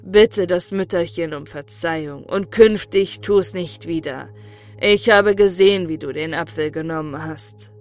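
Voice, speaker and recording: A woman voicing a pious, gentle old shoemaker in a storybook reading, her voice pitched lower and pleading. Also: measured pace, faint music behind, natural voice.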